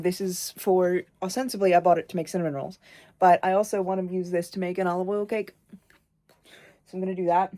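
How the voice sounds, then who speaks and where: A woman's voice: mid-range voice, mellow, no echo. A young woman chatting casually in a home vlog, rambling and swearing offhandedly as she talks about cooking in her kitchen. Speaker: vlogger. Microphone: camera on a stand nearby.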